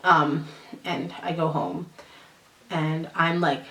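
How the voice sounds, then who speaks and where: A woman of about twenty from Canada, telling a story in a casual, slangy, animated way and acting out the dialogue. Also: low-pitched, slow. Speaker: vlogger. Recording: roomy, from a distance.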